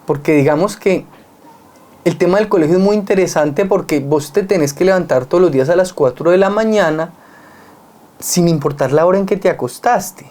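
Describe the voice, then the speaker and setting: Speaking at a moderate pace in a high-pitched voice, this earnest Colombian man reflects calmly in conversation. His warmth and mellow tone carry through as he grounds each idea in ordinary, everyday examples.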